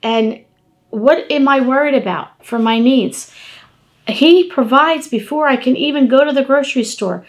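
A woman in her fifties giving an informal devotional talk at home, animated and conversational, speaking to the camera from across a table. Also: sits high, a little slow. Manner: animated, gesturing, conversational preaching. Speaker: devotional podcast host. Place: home dining room, indoors.

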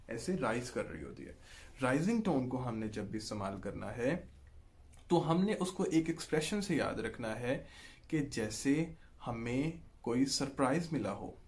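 A man with a Pakistani Urdu accent teaches an online lesson in an unhurried, explanatory way. His voice sits at an ordinary middle pitch. He keeps pausing to check that the listener is following. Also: expressive, a little mellow. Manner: patient, repeats "ठीक है जी" to check in, draws out example sounds. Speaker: language teacher.

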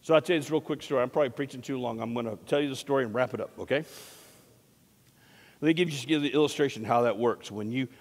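A man preaching a folksy, humorous sermon as a guest preacher, swinging from quiet asides to loud bursts. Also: medium pitch, fast talker. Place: large church sanctuary. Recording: reverberant church hall.

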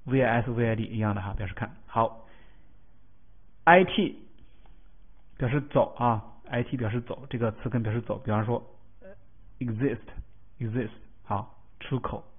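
A man's voice: medium pitch, normal speed, pauses often, husky. A male English vocabulary teacher in a recorded lesson. He explains word roots step by step, spells out letters and often asks a checking question. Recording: tinny phone-like lo-fi sound.

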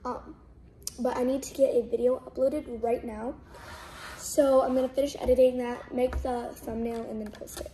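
A woman's voice: fairly high pitch, flat delivery, moderate pace, mellow, slight background noise. A teenage girl chatting casually to her phone camera in a vlog, full of fillers and upbeat asides. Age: teens. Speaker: vlogger. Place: conference room at a table.

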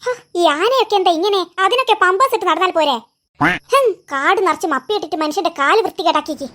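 A woman's voice: very high voice, animated, fast, sharp tone, heavily acted. A woman voicing a fussy, grumpy cartoon auntie who mutters complaints under her breath. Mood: grumbling. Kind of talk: cartoon voice acting.

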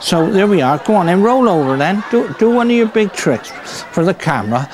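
Very animated and a little fast, this high-voiced man performs a stage comedy bit as a cheerful, blundering rustic farmer from Somerset. He rambles folksily, capping his lines with "see" and "look," while piano music and background noise fill the recording.

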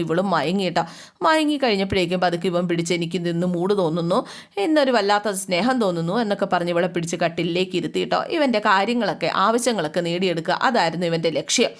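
Fast-talking woman recapping a TV serial. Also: lowish voice. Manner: chatty, frequent tag asides. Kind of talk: casual serial recap storytelling.

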